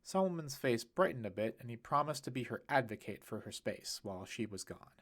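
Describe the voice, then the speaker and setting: A man narrates a serialized novel as an audiobook at a brisk clip and medium pitch. He reads with liveliness, brightening and raising his voice for the characters' dialogue.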